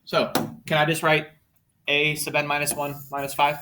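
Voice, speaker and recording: A man's voice: a little high, monotone, background noise. Male math teacher coaxing his class. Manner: brisk, coaxing questions to students.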